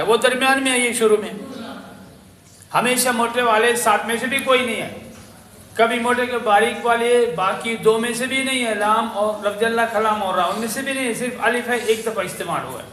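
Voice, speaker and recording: A man's voice: extremely high pitch, bright, forceful tone. A man teaching Quran pronunciation to a memorization class, patiently explaining letters and lip shapes and repeating his points. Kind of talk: tajweed lesson for memorization class. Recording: echoey room with faint ambient noise.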